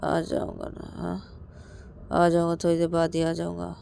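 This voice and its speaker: A woman's voice: fairly low pitch, monotone, normal speed, creaky, dark tone, a little hiss or hum. A woman voicing a drunk young man who stammers and pleads that he has changed. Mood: pleading.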